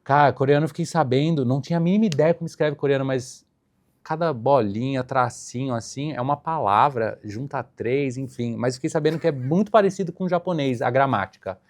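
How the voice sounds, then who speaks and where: Brief: young Brazilian man, flight attendant guest, chatty and animated, mid-pitched voice. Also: fairly quick. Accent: Brazilian Portuguese. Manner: animated storyteller, laughs often. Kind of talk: casual interview chat.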